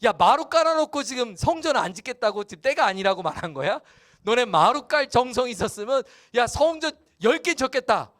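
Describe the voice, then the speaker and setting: A man's voice: very high voice, very animated, brisk, fairly bright tone, pitched above the performer's own voice, heavily acted. A man voicing God as a sulking, sarcastic figure who scolds in a mocking, exaggerated way. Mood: huffy sarcasm.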